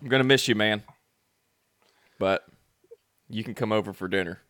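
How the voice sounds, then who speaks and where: A man co-hosting a casual chat, teasing his friend with quick banter and laughing often. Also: fairly low pitch, a bit bright, no room sound, studio quality.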